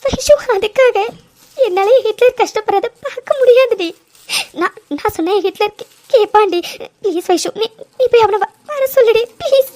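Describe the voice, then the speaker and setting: Woman doing a high, sobbing young cartoon heroine who stammers her pleas. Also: moderate pace, darkish tone. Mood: crying, pleading. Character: young woman, tearful and pleading. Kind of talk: cartoon voice acting.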